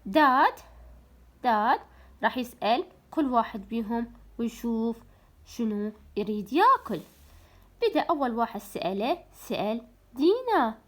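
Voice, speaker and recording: A young woman with an Iraqi Arabic accent gives a primary school English lesson in a high, bright voice. Her pitch swings widely as she asks the children questions. She stretches the English words out slowly and clearly, then explains them in Arabic. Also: big pitch swings. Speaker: English teacher.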